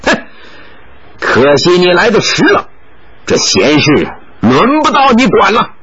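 A man's voice: high voice, very animated, measured pace, a bit bright, muffled recording, pitched above the performer's own voice, full character voice. A man playing a sly, mocking scoundrel. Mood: taunting. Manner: teasing, mocking.

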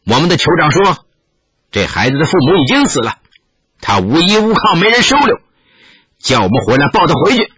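A man's voice: on the high side, very animated, fairly quick, long pauses, pushed and bright, slightly rough, exaggerated voice. A man voicing an arrogant, bullying soldier who talks in a scornful, swaggering way, on a dull lo-fi recording. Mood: sneering.

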